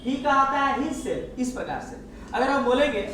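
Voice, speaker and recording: A man teaching an English grammar lesson, explaining step by step and repeating each example slowly. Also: very high voice, very animated, a bit bright. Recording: echoey room, far from the mic, faint hiss.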